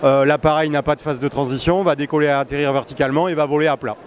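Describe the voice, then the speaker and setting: A man in his forties, a sales manager answering interview questions in a measured, hesitant way with many filler sounds, recorded on a handheld mic. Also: on the high side, steady tone. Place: busy indoor trade-show hall. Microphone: handheld interviewer mic close up. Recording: clear crowd hall noise behind.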